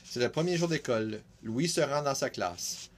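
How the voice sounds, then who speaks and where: A teenage boy reading a children's picture book aloud, steady and careful, with small restarts. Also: medium pitch, normal speed. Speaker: student reader.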